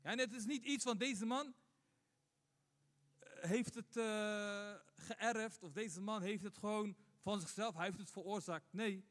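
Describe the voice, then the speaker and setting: A man's voice: sits high, measured pace, fairly bright tone. A man giving a Friday sermon as imam, asking rhetorical questions and repeating points for emphasis. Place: mosque. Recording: long hall reverb.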